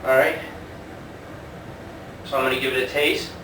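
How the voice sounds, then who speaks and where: A man casually reviewing a homebrew in a relaxed, unhurried way with plenty of fillers, recorded on a camera at a distance. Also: mid-range voice, background noise. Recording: echoey room, mic at a distance.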